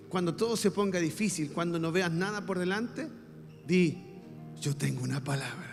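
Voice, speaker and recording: A man with a Chilean Spanish accent preaching a sermon as a pastor, leading the congregation in call-and-response and swinging from soft speech to shouts. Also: sits high, in a large hall.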